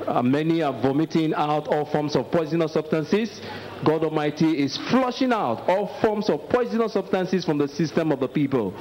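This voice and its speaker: A man's voice: a little high, expressive, moderate pace, a little mellow, dull audio. A man giving live religious commentary at a televised healing service. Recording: echoey, noisy live event sound.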